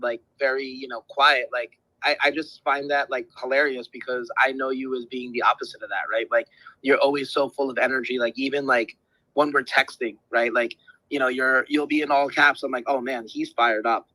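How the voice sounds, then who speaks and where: A man hosting a podcast interview, relaxed and chatty, often stumbling and repeating words. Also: mid-range voice, no room sound, poor audio. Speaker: podcast host. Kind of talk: casual interview chat.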